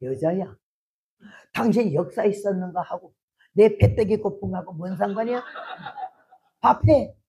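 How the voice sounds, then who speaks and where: An elderly woman voicing a curt husband who is indifferent to his wife, speaking in a lower, blunt, dismissive tone. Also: measured pace, pauses often, dark tone, husky. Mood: gruff.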